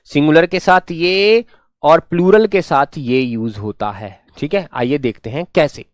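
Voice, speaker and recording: A man's voice: on the high side, unhurried, dry recording, clean studio sound. Patient male grammar teacher. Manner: patient, repetitive, calls students "son". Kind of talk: online class lecture.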